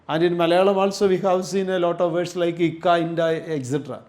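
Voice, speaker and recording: A man's voice: high voice, steady tone, fast talker, darkish tone. A man with an Indian English accent, giving an exam coaching lecture in an emphatic, repetitive way, listing points one by one. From Kerala, India. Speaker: teacher.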